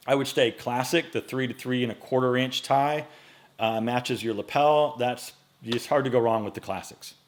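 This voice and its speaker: Late-forties man, mid-pitched, casual style vlogger answering questions, loose and chatty with plenty of uhs, close mic in a home studio. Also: moderate pace. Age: 40s. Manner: relaxed, chatty, with many fillers and restarts. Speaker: men's style YouTuber. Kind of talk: casual Q&A vlog. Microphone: microphone in front of him.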